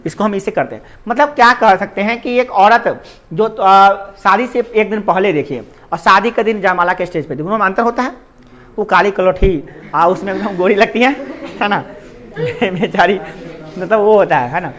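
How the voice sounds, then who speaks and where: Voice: medium pitch, a bit bright. An adult Hindi grammar teacher giving a classroom-style lecture. They pose questions and answer them, and mix English words into the explanations.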